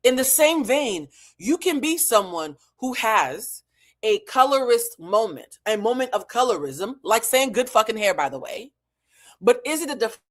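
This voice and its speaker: A fairly high, sing-song voice speaks a little slowly. It belongs to a New England woman who hosts an online show and teaches emotional intelligence, giving a blunt, heavily profane and opinionated reality show recap to camera while repeating points for emphasis.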